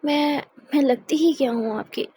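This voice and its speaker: A woman's voice: sits high, normal speed, dark tone, natural voice. A woman voicing a confident young woman who teases and coaxes her friend. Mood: teasing. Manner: teasing, coaxing, half-laughing.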